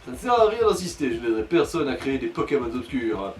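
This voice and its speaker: A man's voice: medium pitch, very animated, fast talker, reverberant, heavy background noise, voice pushed down, lightly acted. Man playing an indignant, righteous professor, slightly distant. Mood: firm, disgusted. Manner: righteous, declamatory. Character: indignant, principled male professor refusing villains. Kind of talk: improvised voice-over of video game dialogue.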